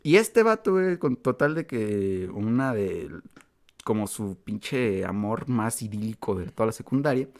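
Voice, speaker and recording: A man's voice: lowish voice, animated, measured pace. A young man with a Mexican Spanish accent, co-hosting a podcast and telling a story in slangy, casual chat, laughing often and swearing freely. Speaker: podcast co-host.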